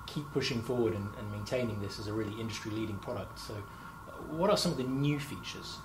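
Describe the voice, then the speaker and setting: With a voice on the low side and a slightly fast pace, a young marketing host chats upbeat through a corporate product interview, using frequent fillers. He stands indoors in a company lab. The recording carries lab background noise.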